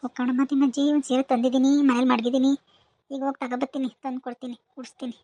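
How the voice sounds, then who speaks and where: A woman voicing a kindly village woman neighbour in a cartoon, speaking softly in rural Malnad Kannada. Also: high-pitched, little pitch movement, very fast, muffled recording, pitched below the performer's own voice. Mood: soothing.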